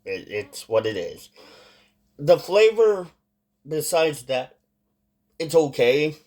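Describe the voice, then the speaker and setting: A man giving a casual, informal vlog-style review in a halting way, stressing words for emphasis. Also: fairly high pitch, big pitch swings, darkish tone. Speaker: product reviewer.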